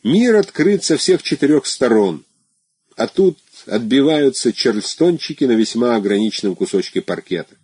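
A man's voice: mid-range voice, expressive, moderate pace, a little mellow, slightly rough, no echo, pitched above the performer's own voice. A man reading an audiobook, voicing an effusive, talkative former classmate who rambles through old memories. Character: chatty nostalgic former classmate, adult man. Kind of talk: audiobook character voice.

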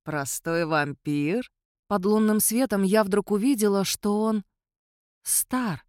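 A woman tells a fantasy story in the first person with steady, even delivery. Her voice sits at a middle pitch, and the recording is close and dry. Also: a little slow, dry recording. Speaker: audiobook narrator.

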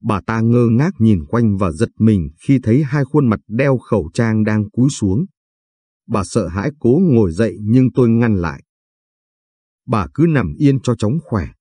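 A man narrating a story aloud in a steady, even way. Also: fairly low pitch, moderate pace, slightly rough, no room sound, clean studio sound. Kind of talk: audiobook story reading.

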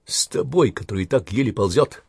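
A stern, gruff army captain, played by a man reading aloud speaks in clipped orders. The voice sits low and a little husky. The recording is close and dry. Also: animated, fairly quick, no room sound, full character voice. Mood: lecturing. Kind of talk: audiobook character reading.

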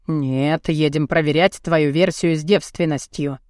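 A woman's voice: deep voice, steady tone, a little mellow, no room sound, clean studio sound, pitched below the performer's own voice. Woman doing a crude, mocking muscle guy. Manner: taunting, blunt and slow. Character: crude cocky muscular young man, mocking and pushy. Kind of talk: audiobook character voice.

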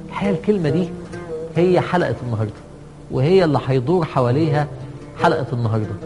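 A man with an Egyptian accent preaching a sermon, pleading and impassioned, climbing high when he calls out prayers. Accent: Egyptian Arabic. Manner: impassioned, rising to pleading highs on invocations. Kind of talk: Ramadan sermon to a live audience.

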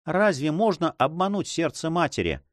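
A man voicing a devout noblewoman in an audiobook, raising his pitch and speaking in exclamations. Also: very animated, moderate pace, no room sound, studio quality. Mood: rapturous. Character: devout noblewoman, a mother, rapturous.

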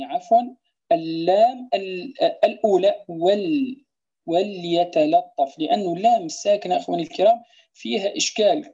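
Dark-voiced woman teaching Quran recitation. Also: fairly low pitch. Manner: demonstrates pronunciations by repeating words slowly, asks "clear?". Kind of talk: tajweed lesson explaining verse. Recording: dull lo-fi recording.

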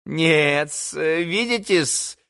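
A man's voice: fairly high pitch, lively intonation, very slow, gravelly, sharp tone, heavily acted. A man reading an audiobook, voicing a servile, giggling old landowner who stammers and hedges politely. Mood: fawning. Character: fawning old male landowner, giggling and hesitant.

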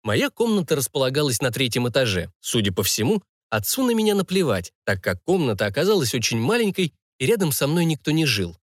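A man's voice: mid-range voice, brisk, hardly any pauses, no room sound. A male audiobook narrator tells a first-person fantasy story with wry irony. His mid-range voice moves expressively up and down. The recording is close-miked and dry, with no room sound. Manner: ironic, lively storytelling.

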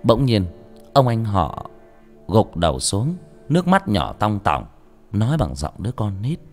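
A man reading a horror story aloud as an audiobook narrator, slow and grave. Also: fairly low pitch, sing-song, a little mellow. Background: faint music.

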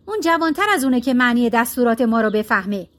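A woman's voice: on the high side, animated, natural voice. A woman voicing a proud, hot-tempered male emperor in a storybook reading, imperious and roaring.

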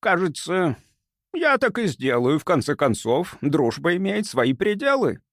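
Sly unflappable old doctor, soft sweet voice, a bit higher, lively lilt, as a reader puts him on, storybook. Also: male voice, measured pace, no room sound, clean studio sound, full character voice. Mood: calmly bargaining. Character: sly smooth-talking older male doctor.

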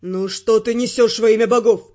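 A woman's voice: mid-range voice, steady tone, fairly quick, darkish tone, highs cut off, pitched below the performer's own voice, close to an everyday voice. A woman voicing a stern senior male spy who scolds harshly, in an audiobook reading. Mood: stern, angry.

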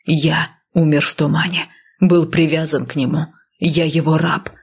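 A woman's voice: sits low, fairly even intonation, unhurried, slightly rough, pitched below the performer's own voice, exaggerated voice. A woman voicing a grim, stubborn man cursed and bound to death, curt and stern, in an audiobook. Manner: stern, curt, speaking through clenched teeth. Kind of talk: audiobook character voice.

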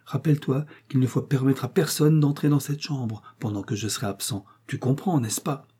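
A man reading a novel aloud, voicing a shaken young man who gives urgent orders in a low, hushed voice. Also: fairly even intonation, normal speed, breathy edge.

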